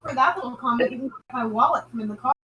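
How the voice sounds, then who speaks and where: A woman's voice: high-pitched, rapid-fire, crowd noise. A woman chatting casually at home in the background, hungry and impatient. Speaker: player's partner in the background.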